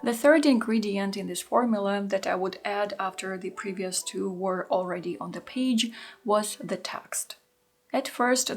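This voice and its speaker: Calm and introspective, an art journaling creator in her thirties narrates a soft voice-over without rushing. Russian is her first language; her pitch is medium, with a touch of vocal fry closing her phrases.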